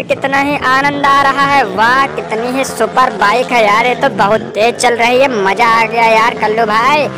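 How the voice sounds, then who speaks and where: A woman voicing an eager, excitable young boy in a toy story, with lots of exclamations. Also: sits high.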